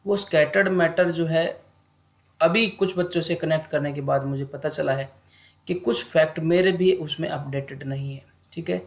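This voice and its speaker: A young man with a slightly high voice teaches an online exam-prep lesson, relaxed and unhurried, mixing in English terms.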